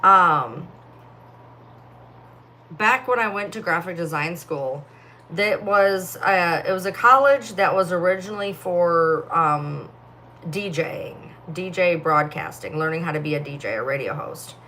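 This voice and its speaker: A woman's voice: on the low side, lively intonation, unhurried, bright, forceful tone, slight background noise. A young woman chatting casually on a phone livestream, sleepy and yawning, with a distinctive voice and lots of filler words. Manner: rambling, heavy filler words. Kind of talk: casual live-stream chat reading comments.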